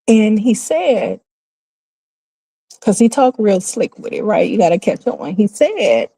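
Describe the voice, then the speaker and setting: A woman's voice: medium pitch, big pitch swings, slow, gravelly, warm tone, slightly rough, dry recording, low-quality recording. A woman talking through a casual monologue, emphatic and repeating phrases to drive points home. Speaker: commentary vlogger.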